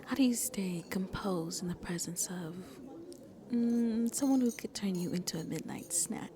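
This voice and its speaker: In an ASMR roleplay, a woman plays a shy yet playfully flirty vampire on a date, speaking softly and intimately and often slipping into breathy whispers. Her natural voice is medium-pitched at a moderate pace, with background noise, and the mood is intimate and teasing.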